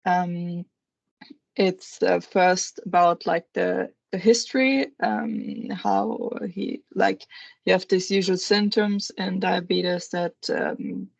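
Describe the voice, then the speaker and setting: A woman's voice: fairly low pitch, fairly even intonation, takes it slowly, creaky, no echo. A young woman from Germany, presenting a nursing case report on a video call, hesitant and full of fillers. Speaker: nursing student.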